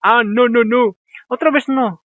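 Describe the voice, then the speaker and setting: A man commentating a video game as he plays, reading the dialogue aloud and swearing and talking to himself in an excitable, chatty way. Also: very high voice, measured pace, no room sound, phone-quality sound. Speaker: gameplay commentator.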